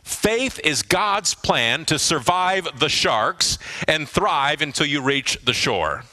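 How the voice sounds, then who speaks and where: Bright-voiced man preaching a sermon. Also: sing-song. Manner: preaching with emphatic pauses, dropping low on key words. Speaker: pastor. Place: church hall with congregation.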